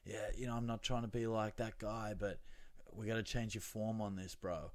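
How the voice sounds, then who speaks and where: A man's voice: lowish voice, little pitch movement, normal speed, close to an everyday voice. A man voicing an earnest young gym bro in an American accent, coaching in a bro-ish way in an anecdote. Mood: concerned. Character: earnest young male gym bro giving form tips.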